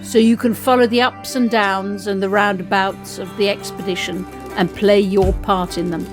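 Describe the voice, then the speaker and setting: A woman's voice: medium pitch, fairly even intonation, normal speed, over music. A woman hosting a podcast as expedition leader, speaking reflectively with frequent restarts. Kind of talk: podcast narration.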